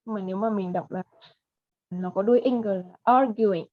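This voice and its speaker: Vietnamese lady teaching english sounds online, slow and patient, dull dry call audio. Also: mid-range voice, fairly even intonation, no room sound. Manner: patient, models words slowly and repeats them. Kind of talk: online one-on-one lesson.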